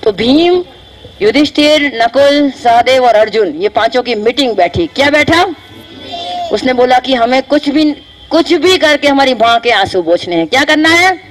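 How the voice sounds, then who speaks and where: High-voiced woman telling a children's story. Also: normal speed, rough recording. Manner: lively, quizzes listeners.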